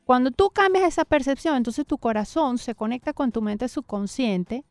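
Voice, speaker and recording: A woman's voice: high voice, expressive, normal speed, a little mellow, no echo. A woman, a guest expert, explaining ideas earnestly in an interview, often in lists. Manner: earnest, explanatory, list-like phrasing.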